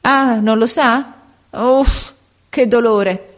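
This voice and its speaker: A bitter middle-aged woman sick in a hospital bed, mocking and moaning with a sinister edge. Her voice sits above the storyteller's own lower tone, as a woman reader acts her out. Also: animated, moderate pace, natural voice. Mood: pained.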